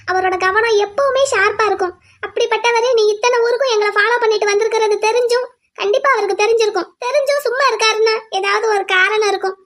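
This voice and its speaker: A woman voicing a defiant young wife held captive in a cartoon drama, who calmly pleads and reasons with her captor. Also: extremely high pitch. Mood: reasoning. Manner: calm, pleading then lecturing at length.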